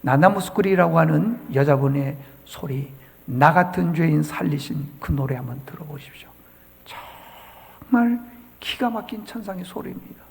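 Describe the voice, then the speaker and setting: A man's voice: on the high side, animated, normal speed, creaky. A male pastor preaching a sermon, telling a story with dramatic flair and acting out the characters' lines, recorded in a church sanctuary. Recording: church hall reverb.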